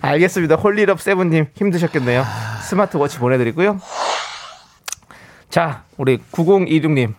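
Man, high voice, lively pitch, playful radio host reading listener stories. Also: normal speed, background noise. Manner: playful, slips into comic voices.

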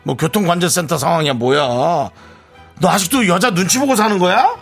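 A man playing a brash, self-centered friend in a radio skit, loud and overbearing. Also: a little fast, husky, soft background music. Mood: pushy, scolding. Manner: loud, overbearing, with sudden swoops of pitch. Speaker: radio co-host.

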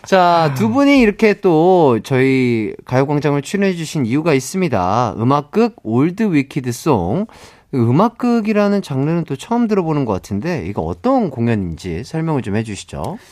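A man's voice: on the high side, big pitch swings, normal speed, darkish tone. A man hosting a radio show, chatting casually with guests and reading out listener messages. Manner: reads listener messages, laughs often.

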